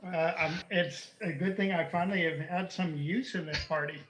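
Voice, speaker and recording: A man's voice: fairly high pitch, steady tone, normal speed, fairly bright tone, a little hiss or hum. A man playing a tabletop game and chatting casually in a playful, upbeat way. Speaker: player. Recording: roomy echo.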